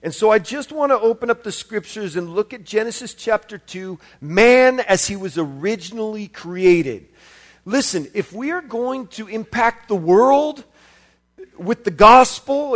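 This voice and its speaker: A man preaching a sermon as a visiting preacher, impassioned, repeating his phrases and building up to shouts. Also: high-pitched.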